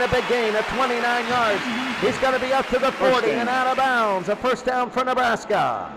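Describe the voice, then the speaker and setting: A high-pitched man does play-by-play for a simulated football tournament in live, radio-style American football commentary. He's excitable, dropping conversational asides between plays, and the recording is noisy.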